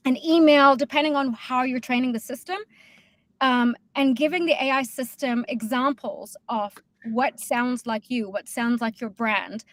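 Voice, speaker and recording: High-voiced woman hosting a panel. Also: moderate pace, no room sound. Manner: talkative, rambling sentences with many fillers. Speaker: host. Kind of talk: casual panel chat.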